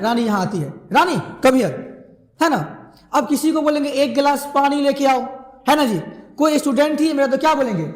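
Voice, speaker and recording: High-voiced man teaching in an echoey room. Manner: repeats each example and keeps asking the class "है ना जी?"; slow, drawn-out model sentences. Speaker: spoken English teacher. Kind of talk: online spoken English lesson. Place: room, writing on a board. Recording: echoey room with long reverb.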